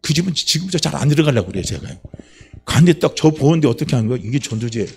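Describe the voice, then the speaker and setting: A man's voice: medium pitch, sing-song, very fast, vocal fry, a little mellow, breathy edge. A male pastor preaching a Sunday sermon, emphatic, repeating questions back to the congregation.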